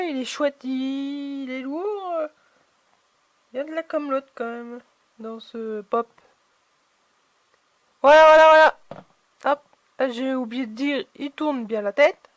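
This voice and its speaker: A woman's voice: high-pitched, no room sound. A woman chatting casually as she unboxes collectible figurines, hesitant and full of fillers.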